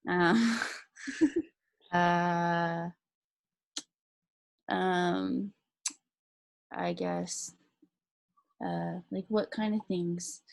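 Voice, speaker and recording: A woman's voice: on the low side, steady tone, extremely slow, creaky, long pauses, dry recording. A woman in her thirties, an artist, introducing herself shyly with lots of hesitation. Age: 30s. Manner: shy, hesitant, many fillers. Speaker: interviewee, artist.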